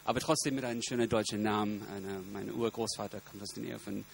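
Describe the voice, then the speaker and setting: A man with an American accent and English as his first language gives an informal personal talk, halting as he searches for words in a language not his own. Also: fairly low pitch, gravelly. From United States. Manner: halting, searching for words in non-native grammar. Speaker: guest speaker, singer-songwriter. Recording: steady electrical hum behind voice.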